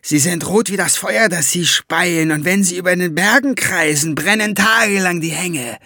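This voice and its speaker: Man doing a ferryman voice, greedy, hard of hearing, pitched high, slow and whiny, gravelly, audiobook. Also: bright, forceful tone, no room sound, studio quality, full character voice. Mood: ominous. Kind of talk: audiobook reading.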